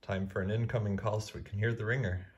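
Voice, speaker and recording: A man explains an electronics project he built, in a casual tech demo filmed indoors at home over a wooden table. His lowish voice moves quickly with fairly even intonation, his delivery matter-of-fact, and the audio sounds dull.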